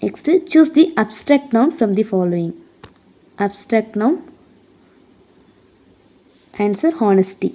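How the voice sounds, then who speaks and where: Slow, mellow-voiced Tamil-accented woman tutor. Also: mid-range voice, animated. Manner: reads English questions slowly, explains in quick Tamil. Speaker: English exam tutor. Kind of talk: exam prep lesson.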